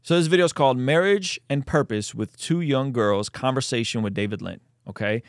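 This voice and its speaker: A man's voice: mid-range voice, a little fast, dry recording, clean studio sound. A man giving casual, emphatic reaction commentary as a host, often repeating himself for stress. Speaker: host commenting on a video clip.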